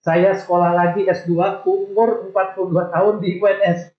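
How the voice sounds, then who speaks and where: An older man in his sixties tells his life story in a loose, self-mocking way. His voice sits a little high for a man. It comes through thin and phone-like, with echo from the room. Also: normal speed. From Indonesia. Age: 60s. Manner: relaxed storytelling with light self-deprecating jokes. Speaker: guest. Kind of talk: casual interview chat. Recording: echoey room, tinny phone-like sound.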